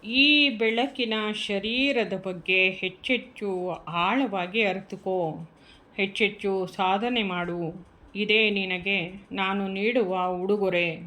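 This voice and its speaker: A woman voicing a gentle old yogi guru. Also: mid-range voice, takes it slowly. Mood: instructive. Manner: gentle, coaxing, instructive.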